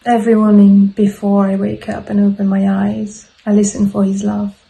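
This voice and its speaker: An actress playing a grieving mother who makes a halting confession in a dramatic monologue. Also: medium pitch, monotone, gravelly, warm tone, close to an everyday voice, low-quality recording. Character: grieving mother haunted by her lost child. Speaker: actor in a showreel scene.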